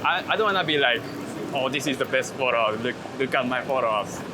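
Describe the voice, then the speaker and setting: This man, a street photographer from Japan, talks informally as an interview guest in a bustling city park, his Japanese accent clear as he searches for English words. His medium-pitched voice is lively in intonation and fairly quick. The recording carries city bustle and traffic.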